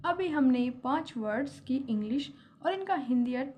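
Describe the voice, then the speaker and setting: A woman's voice: high-pitched, lively intonation, moderate pace, a little mellow, a little hiss or hum. A young Indian woman teaching English vocabulary, explaining each word patiently with examples. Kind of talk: vocabulary lesson in Hindi.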